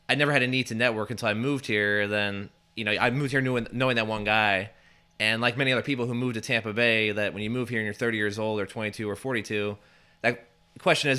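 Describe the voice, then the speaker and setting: A man's voice: mid-range voice, sharp tone. A man in his thirties from Indiana, a guest answering interview questions in an upbeat, confident way in a small studio. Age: 30s. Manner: upbeat, quick, confident storytelling. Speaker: guest, networking group founder. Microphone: studio mic on stand.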